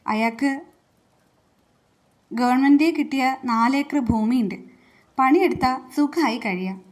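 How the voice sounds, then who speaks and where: An anxious, sharp-tongued old aunt who grumbles and scolds the children. A woman reads her aloud in a high voice, in a storybook reading. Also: unhurried. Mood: earnest.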